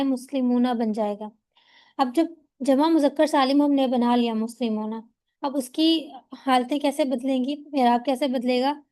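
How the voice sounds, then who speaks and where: A young woman teaching a grammar lecture, explaining patiently and often pausing to check that her students follow. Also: sits high, a little mellow. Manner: slows down to spell out example words syllable by syllable. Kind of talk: classroom lecture.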